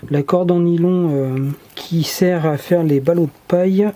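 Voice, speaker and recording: A DIY tutorial host explaining a workshop task step by step in a relaxed, casual way, pausing often with fillers. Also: mid-range voice. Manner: relaxed, hesitant, many filler pauses.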